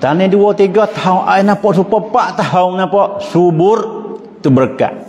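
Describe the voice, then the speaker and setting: A man with a Pattani Malay accent, an Islamic teacher giving a lively religious lecture, asking rhetorical questions and chuckling often. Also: sits high, moderate pace. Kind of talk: religious lecture in local dialect. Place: mosque. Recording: long reverb of mosque hall, faint noise.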